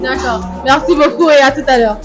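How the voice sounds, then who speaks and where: A woman with a high voice going from fan to fan at a match screening, asking quick, playful questions. Loud music plays behind her the whole time. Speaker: interviewer. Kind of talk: street vox-pop interviews.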